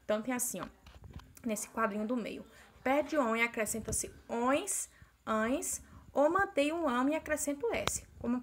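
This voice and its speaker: A woman's voice: fairly high pitch, a bit bright, slight background noise. A young adult Brazilian woman teacher with a Brazilian Portuguese accent, explaining a grammar lesson in a recorded video class and checking in with "né?". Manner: explanatory, repeats "né?" to check understanding.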